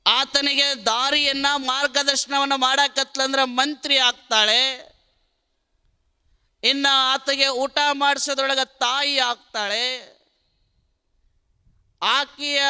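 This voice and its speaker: A man giving a humorous sermon, telling stories in a lively, animated way. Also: very high voice, slow pace, long pauses, long reverb tail. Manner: storytelling with lively, animated delivery. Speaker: preacher. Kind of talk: humorous religious discourse.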